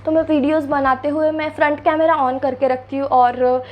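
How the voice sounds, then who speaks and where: Sassy young woman vlogger, high voice. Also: flat delivery, normal speed, a little mellow. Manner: sassy, answers critics with sarcasm. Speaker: beauty vlogger. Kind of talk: casual reaction vlog. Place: seated indoors before a ring light and backdrop. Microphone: clip-on mic.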